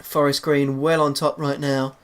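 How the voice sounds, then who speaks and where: Casting: male gaming YouTuber, mid-pitched, chatty play-by-play that swings from murmured to shouted. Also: unhurried, clean tone. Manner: excitable, shouts goals then drops to a low murmur. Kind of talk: live commentary over a football video game.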